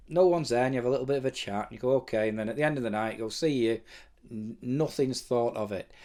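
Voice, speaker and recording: A man's voice: mid-range voice, a little mellow. A man hosting a podcast, talking casually and enthusiastically, often restarting his sentences. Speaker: podcast host.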